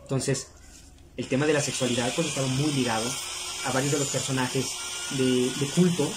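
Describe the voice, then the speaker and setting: A man's voice: mid-range voice, fairly even intonation, moderate pace. A middle-aged man, hosting a video and explaining things casually to viewers. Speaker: video host. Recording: clear background noise.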